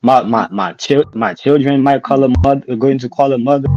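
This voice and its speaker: A man's voice: medium pitch, fairly quick. A man in a casual group discussion call, talking through a bluetooth headset mic with crackling sounds and often checking in with "right?". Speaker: participant in an online discussion call. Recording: muffled bluetooth mic with faint clicks.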